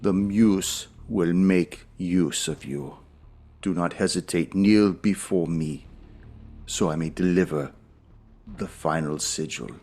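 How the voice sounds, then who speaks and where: A man playing a menacing cult zealot in a tabletop game, making slow, solemn, archaic pronouncements. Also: sits low, a little mellow. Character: menacing cult zealot with eye patch, solemn, preaching release.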